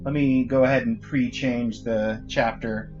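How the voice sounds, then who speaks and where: Male streamer, casual rambling play commentary, unhurried delivery, faint game music behind. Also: medium pitch, steady tone, lo-fi sound. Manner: rambling, with frequent restarts and self-corrections. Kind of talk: casual commentary while playing.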